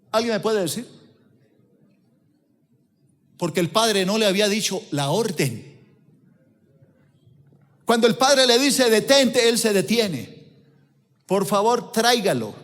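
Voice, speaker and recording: A man's voice: extremely high pitch, a bit bright. A man preaching a sermon in a church auditorium, speaking emphatically and putting questions to the congregation. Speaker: pastor. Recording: long reverb of a church auditorium.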